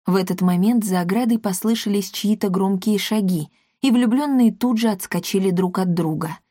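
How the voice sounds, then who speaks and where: A woman's voice: mid-range voice, moderate pace, warm tone, no echo, studio quality. A woman narrating a children's storybook expressively. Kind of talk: storybook reading with voices.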